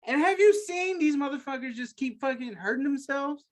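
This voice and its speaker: A man's voice: very high-pitched, animated, normal speed. A man co-hosting a podcast in laid-back, profane banter. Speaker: podcast co-host. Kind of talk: casual chat.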